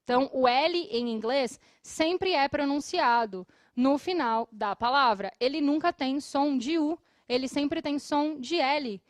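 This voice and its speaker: Brazilian woman English teacher, high voice, patient classroom explainer, dry close sound. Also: dry recording. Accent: Brazilian Portuguese. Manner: explanatory, repeats English phrases slowly for students; laughs often between phrases. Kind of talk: televised classroom lesson. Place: studio.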